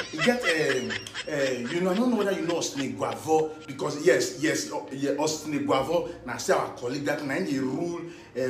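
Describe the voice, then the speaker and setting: Animated Nigerian Pidgin comic storyteller. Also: male voice, on the high side, noisy background. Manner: animated, chuckling through his tale. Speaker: comedian. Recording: roomy echo.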